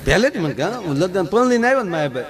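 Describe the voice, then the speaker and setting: Animated storyteller on stage. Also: male voice, sits high, racing. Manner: animated, acts out dialogue. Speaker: folk comedian. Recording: live show with crowd.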